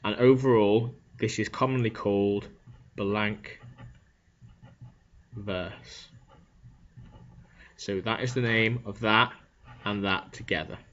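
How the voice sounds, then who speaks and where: A low-pitched man teaching a class, taking it slowly and breaking each idea down into steps. He keeps checking that his students follow with a quick "okay?". The recording is dull and lo-fi. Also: fairly even intonation, fairly bright tone. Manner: explanatory, checks in with frequent "okay?". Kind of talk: classroom lecture on Shakespeare.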